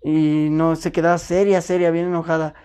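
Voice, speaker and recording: A young woman with a Mexican accent and a soft, mellow tone. She tells stories in lively, slangy chat and slips into other people's voices to act out their lines. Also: low-pitched, moderate pace, smooth. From Puebla, Mexico. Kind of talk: casual chat, storytelling.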